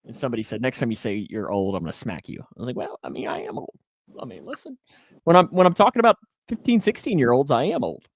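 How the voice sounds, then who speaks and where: A creaky, mid-range male voice with big pitch swings moves at a quick pace in a dry recording. The speaker, a sports broadcaster in his twenties, hosts a casual talk show, pressing his points by repeating phrases with emphasis.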